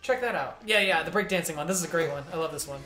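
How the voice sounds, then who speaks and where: A man's voice: fairly high pitch, rapid-fire, sharp tone, faint music behind. A young man co-hosting a gameplay video, rambling and joking as he explains the game. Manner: rambling, joking, lots of fillers. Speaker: let's play co-host, guide. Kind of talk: casual gameplay chat.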